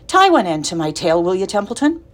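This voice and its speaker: A woman voicing a young male pig who is eager and tender-hearted, in a high boyish storybook voice. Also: very animated, brisk, natural voice.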